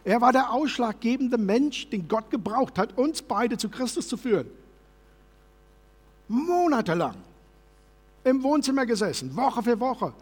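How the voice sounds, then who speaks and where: Husky-voiced man preaching in a reverberant hall. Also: extremely high pitch, big pitch swings, a little slow, pauses often. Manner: passionate preaching, swings from loud to soft. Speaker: pastor. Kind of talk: sermon. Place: church service hall.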